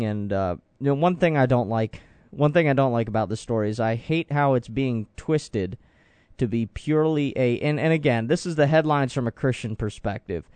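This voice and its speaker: A Florida man hosts a morning call-in radio show, his mid-range voice darkish and dry through a studio microphone. He speaks earnestly and with strong opinions, often restarting his sentences.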